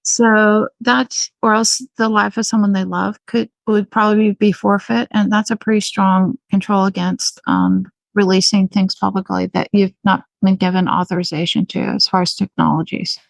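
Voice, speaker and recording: A woman guest answers questions in an earnest, halting way, often pausing with ums and starting over. Her voice sits in a middle pitch and sounds dry and close, with no room echo. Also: gravelly. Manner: earnest, many ums and restarts. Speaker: interview guest. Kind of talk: remote interview conversation.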